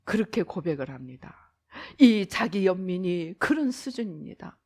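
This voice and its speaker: A woman's voice: on the low side, big pitch swings, moderate pace, a little mellow. A middle-aged woman pastor giving a dramatic sermon, acting out the voices she quotes.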